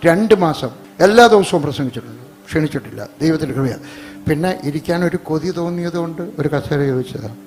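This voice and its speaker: An older man preaching an emphatic, repetitive sermon, swinging from loud bursts to quiet asides. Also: a little high, lively intonation, fast.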